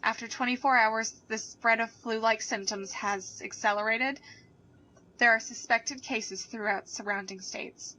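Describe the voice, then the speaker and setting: An actress voicing a female radio news anchor reading emergency bulletins in a measured newsreader style. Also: on the high side, steady tone, rough recording. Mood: grave. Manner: measured newsreader delivery, softening into gentle pleas. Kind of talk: scripted news broadcast in a game.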